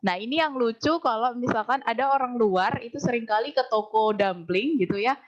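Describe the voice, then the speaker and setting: A woman teaching a language class. She explains things patiently, slows right down to drill phrases, and keeps quizzing her students. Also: fairly high pitch, highs cut off. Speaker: Mandarin teacher.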